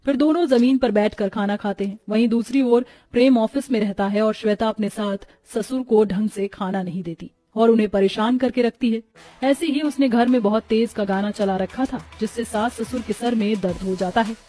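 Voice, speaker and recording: A woman narrating a children's bedtime story in a calm, even storytelling manner. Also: on the high side, moderate pace, no echo.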